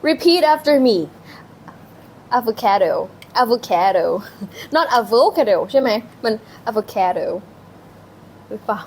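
Giggly young woman, lively high voice. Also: drawn-out words, a little hiss or hum. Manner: giggly, playful, teasing, thanks viewers for gifts; mixes English phrases into Thai talk. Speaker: live-stream host eating on camera. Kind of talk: casual live-stream chat with viewers.

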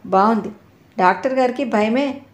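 A woman's voice: a little high, moderate pace, natural voice. A woman voicing a weak young woman who talks faintly and evasively. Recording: roomy echo.

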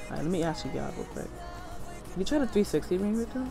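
A man's voice: high-pitched, very animated, very fast, gravelly. A young man doing casual gameplay commentary in a rambling, slangy, self-hyping manner as a video host. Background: music.

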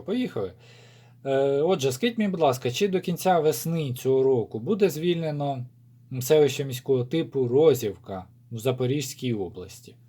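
A man with a Ukrainian accent and a mellow, dark-toned voice talks through a rune reading at an unhurried pace. He thinks aloud and fills his pauses with drawn-out "well" and "so". His pitch sits in a middle range for a man. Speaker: rune reader. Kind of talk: casual spoken rune divination.

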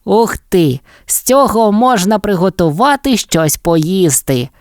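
A woman's voice: medium pitch, takes it slowly, dry recording, clean studio sound, pitched above the performer's own voice. A woman voicing a cheerful little mole. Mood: eager. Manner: bright, excited, childlike exclamations. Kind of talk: storybook voice acting.

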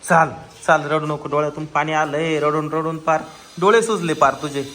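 The speaker is a vlogger parent fetching a child from a school classroom, his voice on the high side, fairly bright, steady and moderately paced. In this casual spoken vlog he coaxes and scolds, repeating short questions many times.

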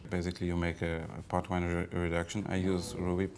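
A man with a Portuguese accent, a chef and restaurant owner, speaking hesitant, halting English with many fillers in his kitchen. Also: low-pitched, monotone, darkish tone. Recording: noisy kitchen location sound.

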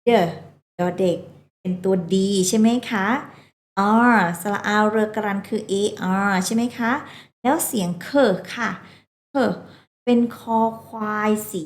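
A woman's voice: medium pitch, fairly even intonation, slow, reverberant. A woman teaching a children's phonics lesson, sounding out English words letter by letter and coaxing the children along.

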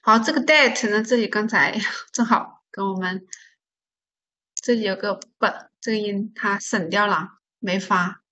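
A woman's voice: mid-range voice, a little slow, sharp tone, highs cut off. A woman teaching an English vocabulary lesson, patiently explaining stress and silent letters and repeating each word to drill pronunciation.

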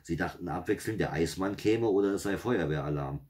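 A man reading a story, voicing a nervous mother in an anxious, hushed manner. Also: deep voice, brisk, lightly acted.

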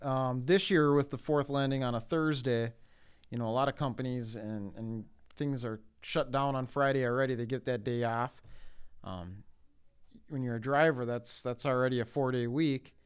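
A man's voice: mid-range voice, normal speed, smooth. A man on a logistics panel, speaking casually and practically, explaining things through what drivers face day to day.

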